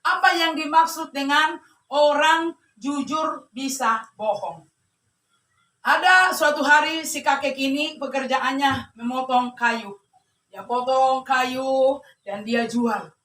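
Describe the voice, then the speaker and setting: Brief: high, bright woman preacher shouting a sermon, echoey hall, far from the mic. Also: slow pace. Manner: shouting, exhorting.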